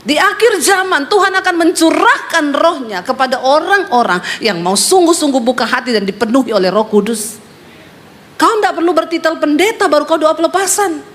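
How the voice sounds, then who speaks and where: A woman's voice: high-pitched, fairly quick. A woman pastor preaching a sermon, telling stories vividly and addressing her congregation directly and sternly. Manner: lively storytelling, acting out quoted voices.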